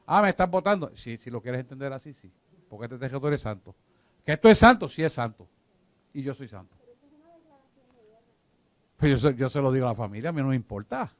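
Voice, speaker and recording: A man's voice: mid-range voice, a little fast, long pauses, darkish tone, no room sound. A man teaching a church discipleship class, emphatic and repetitive, often asking if his listeners follow him. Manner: emphatic, repeats himself, asks listeners if they follow.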